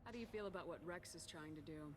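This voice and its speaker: A woman's voice: fairly low pitch, fast, close to an everyday voice. A woman playing a composed, direct military commander in video game dialogue. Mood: calm, inquiring. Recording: game ambience noise behind voice.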